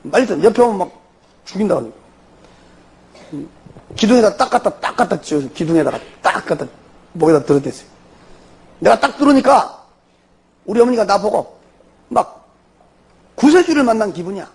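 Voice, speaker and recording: An older man with a Jeolla accent, a church elder telling his testimony in an animated way and tossing in rhetorical questions. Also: sits high, a little fast, long pauses, slightly rough. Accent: Jeolla Korean. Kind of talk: spoken testimony before a congregation.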